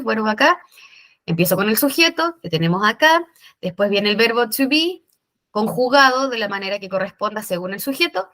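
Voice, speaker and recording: A woman's voice: mid-range voice, a bit bright. A woman teaching English grammar in a recorded lesson, explaining step by step with patient checks.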